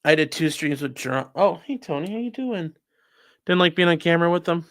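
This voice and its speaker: A male streamer who also does legal commentary chats casually with his livestream audience as he builds a model, reading comments and replying straight to chat with sarcastic, offhand jokes. His voice is on the high side, animated, a little fast and fairly bright.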